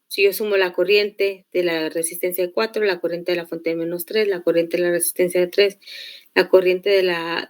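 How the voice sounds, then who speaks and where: A woman teacher giving a lecture, explaining step by step and checking in with her students. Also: fairly low pitch. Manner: slow, patient explaining with check-in questions. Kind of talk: online class lecture on electric circuits.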